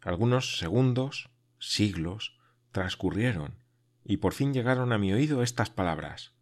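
A man reading a first-person adventure story aloud, in a measured, dramatic way that sinks to hushed tones. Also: fairly low pitch, expressive. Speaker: audiobook narrator. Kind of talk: first-person literary narration.

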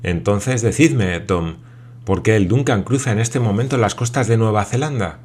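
A man's voice: fairly low pitch, normal speed, darkish tone, slight background noise, close to an everyday voice. A man voicing a bewildered lord who presses question after question. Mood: urgent questioning.

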